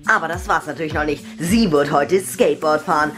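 Woman narrator, low voice, matter-of-fact, faint music behind. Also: fairly quick. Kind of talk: comedic voice-over narration.

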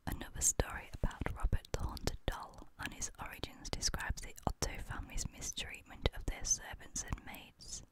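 A young woman reads a creepy story in a hushed, breathy ASMR whisper, very close to a studio microphone. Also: normal speed, few pauses, low-quality recording.

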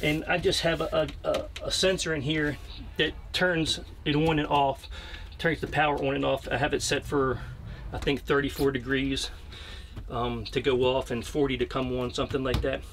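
Inside a small camper trailer, an American man in his fifties gives a casual, unscripted walkthrough, plain-spoken and hesitant. His mid-range voice is a bit bright and level at a moderate pace, and the location sound is clearly noisy with clicks.

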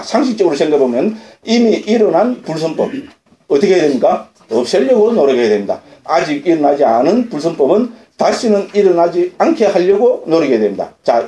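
A Korean Buddhist monk gives a dharma lecture in the lecture hall of a Buddhist center, his voice mellow and fairly high. He often poses questions and answers them himself, checking agreement with short tag questions. The audio has the roomy sound of a lecture hall.

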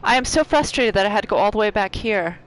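A chatty woman streamer talks through her game live at a middling pitch, bubbly and joking. Her voice is easy and conversational. A faint hiss of noise sits under her. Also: expressive, low-quality recording. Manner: bubbly, chatty, quick to laugh and joke. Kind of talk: casual live-stream chat.

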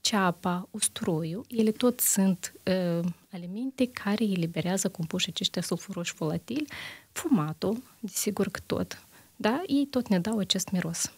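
Gravelly-voiced woman doctor explaining. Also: mid-range voice, lively intonation, dry recording. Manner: methodical, lists examples, frequent hesitations. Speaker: internist guest on a health show. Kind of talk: explanatory interview answers.

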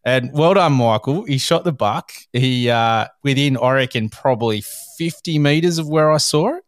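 An Australian man hosting a podcast, telling stories in a casual, animated way and chuckling as he goes. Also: mid-range voice, moderate pace, no echo, studio quality. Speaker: podcast host. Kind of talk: casual storytelling chat.

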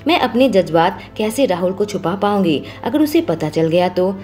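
A flustered young woman caught between her feelings and her duty, voiced by the woman narrator. She speaks hesitantly at a middle pitch. Faint music plays under her in a romantic audio story. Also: expressive, normal speed, darkish tone, natural voice.

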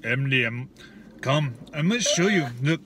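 A man's voice: medium pitch, animated, unhurried, noisy background. A man putting on a Russian accent, voicing a pushy, friendly man in broken English. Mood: eager. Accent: mock Russian.

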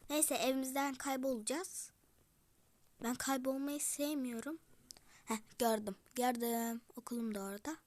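A female YouTuber giving chatty game commentary, talking straight to her viewers and slipping into whispered asides. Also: on the high side. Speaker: gaming YouTuber.

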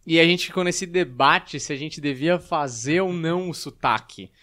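A male podcast host with a voice a little higher than most men. He talks casually and easily with his guest and murmurs agreement as she speaks. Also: normal speed. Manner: relaxed, backchannels with frequent "uhum".

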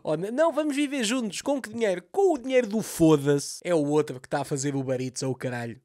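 A man's voice: high-pitched, fast talker, warm tone, dry recording, studio quality. A man with a Lisbon Portuguese accent doing a comedic recap of a TV series, sarcastic and full of swearing. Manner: sarcastic, swears a lot, mocks the scenes.

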